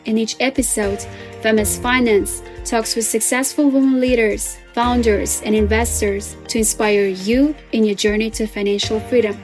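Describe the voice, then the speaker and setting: A woman's voice: a little high, fairly even intonation, moderate pace, a little mellow, faint music behind. Upbeat podcast host woman. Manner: upbeat, effusive. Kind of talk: scripted intro and interview questions.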